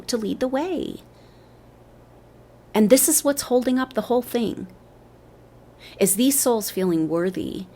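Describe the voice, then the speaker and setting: A woman's voice: on the low side, a little hiss or hum. A woman giving an astrology and spiritual forecast in an earnest, flowing way with dramatic emphasis.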